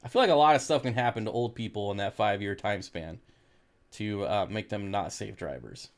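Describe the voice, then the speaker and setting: Reading and responding to viewer comments on his casual livestream, an American host keeps things relaxed and jokey. He has a lowish, expressive voice and talks a little fast.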